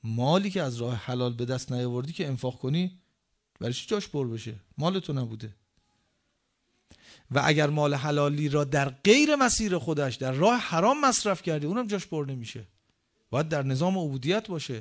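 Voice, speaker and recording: Guy giving a sermon, kinda high voice, keeps asking the crowd questions, slows way down for scripture then punches words hard. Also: lively intonation. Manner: rhetorical questions, recites Arabic scripture slowly; emphatic swings in pitch and loudness. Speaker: preacher.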